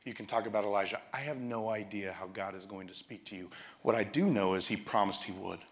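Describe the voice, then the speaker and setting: A man's voice: on the low side, fast talker. A man preaching a sermon as a pastor, telling stories and often restarting his phrases.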